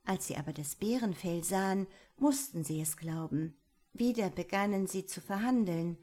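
A woman reading a fairy tale aloud in a calm storytelling manner. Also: lowish voice, moderate pace.

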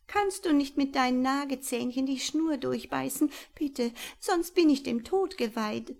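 A desperate, teary female barn owl from a storybook, as a woman reading aloud puts her on. She pleads in a raised, high voice that stays slow and earnest, and later turns gentle and grateful. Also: gravelly. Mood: pleading.

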